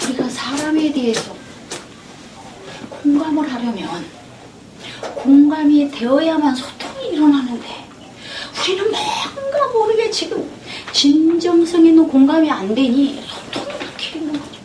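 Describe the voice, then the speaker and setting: A woman with a high voice gives a church lecture as a counselor, telling stories with animation. She is heard from far off in an echoey hall. Steady background noise runs under her voice. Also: measured pace. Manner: animated storyteller who acts out the dialogue. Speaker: counselor giving a talk.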